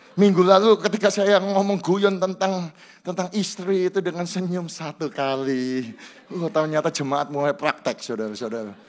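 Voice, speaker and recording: High-voiced pastor preaching big swings. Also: male voice. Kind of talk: sermon. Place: church sanctuary.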